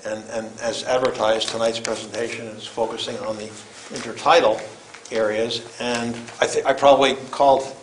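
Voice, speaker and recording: An older man giving an informal introduction as event host, in a halting, rambling way. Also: medium pitch, flat delivery. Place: lecture room, standing away from camera. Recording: echoey room with background noise.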